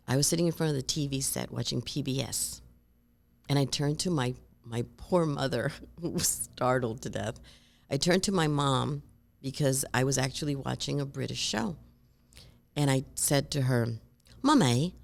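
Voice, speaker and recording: A woman from Puerto Rico speaks in a low, gravelly voice as a guest in a conversational interview. She tells stories animatedly, acting out different voices and accents as she goes.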